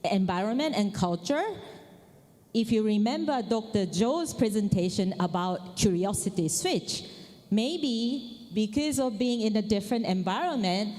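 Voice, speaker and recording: A woman from Japan giving a conference opening talk, slow and deliberate, often asking the audience questions. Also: mid-range voice, lively intonation, a little mellow. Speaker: keynote speaker. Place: large conference hall. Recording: long hall reverb.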